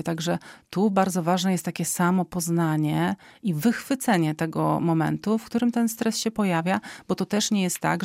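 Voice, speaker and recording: A woman with a low voice and a gravelly edge to it answers interview questions as an expert. She explains at an even, patient pace, pauses on fillers and closes her points with a quick checking question. The recording is dry and close. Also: no echo. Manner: calm and explanatory, often ends points with a questioning "tak?"; frequent hesitation fillers. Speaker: psychology expert guest.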